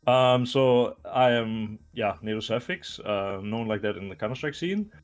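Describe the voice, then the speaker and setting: A relaxed Danish man in his twenties, a retired esports player, is the guest in a casual video interview. He rambles through answers full of fillers and laughs, in a low-side voice at a measured pace.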